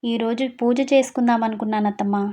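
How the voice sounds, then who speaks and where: A woman's voice: on the high side, fairly even intonation, quick pace, dark tone, close to an everyday voice. A woman doing an innocent young wife. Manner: innocent, pleading.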